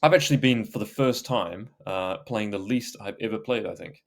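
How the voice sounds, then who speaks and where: Male co-host, low voice, rambling easygoing gaming chat full of "uh" and "like". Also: normal speed, gravelly. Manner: rambling, many fillers and restarts, laughs easily. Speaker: podcast co-host.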